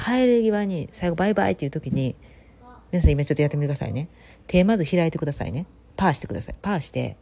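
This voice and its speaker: Woman, Harima Kansai dialect, casual solo vlog chat, quick pace, dark voice. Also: deep voice, breathy edge. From Kobe, Hyogo, Japan. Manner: chatty, rambling, playful asides. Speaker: vlogger.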